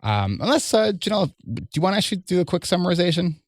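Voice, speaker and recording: A man's voice: high voice, rapid-fire, no room sound. Man hosting a podcast, dry close sound. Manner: relaxed, conversational with frequent fillers. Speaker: podcast host. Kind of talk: casual podcast conversation.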